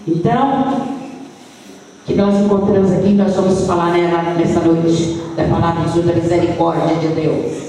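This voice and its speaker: A woman's voice: lowish voice, steady tone, moderate pace, mellow, slight background noise. A middle-aged Brazilian woman telling her life story as a church testimony, acting out the voices in her story. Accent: Brazilian Portuguese. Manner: emotional storytelling, acting out dialogue. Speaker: church speaker giving testimony. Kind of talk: testimony sermon. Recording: echoey hall, from far off.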